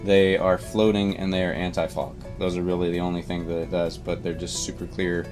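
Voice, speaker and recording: A relaxed man in his forties talks through his favorite boat gear from the cabin, his voice sitting on the low side. He rambles easily and seems amused at himself, with faint music running under the recording. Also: brisk. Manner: easygoing, rambling, self-amused. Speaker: boat captain and channel host. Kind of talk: casual product rundown. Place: inside a boat cabin with big windows.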